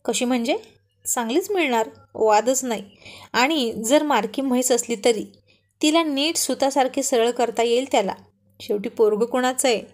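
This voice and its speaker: A woman's voice: a little high, moderate pace, close to an everyday voice. A woman voicing a teasing young husband. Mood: affectionate.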